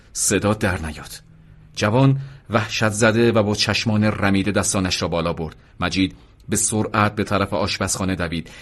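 Narrator: man, slightly low voice, steady storybook reading.

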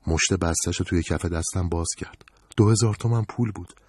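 Husky low-voiced male storyteller. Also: a little mellow, no echo, clean studio sound. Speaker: narrator. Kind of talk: scripted storytelling narration.

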